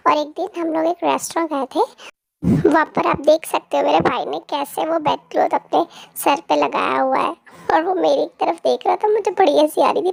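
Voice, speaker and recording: A woman's voice: sits high, vocal fry, darkish tone, no room sound. A woman voicing a chatty, cheerful baby girl who narrates her own day in a cutesy vlog, talking playfully straight to the viewers.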